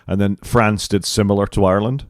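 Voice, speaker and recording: A tired, slightly croaky man co-hosting a podcast in casual, rambling chat. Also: fairly low pitch, steady tone, a little fast, no echo, studio quality. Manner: chatty, rambling, self-deprecating. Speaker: podcast co-host.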